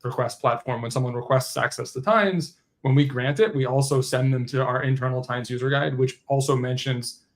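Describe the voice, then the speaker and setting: Talking a little fast at medium pitch, this engineer is a guest on a webinar. His interview answers are casual and explanatory, like conversational tech talk where he thinks aloud.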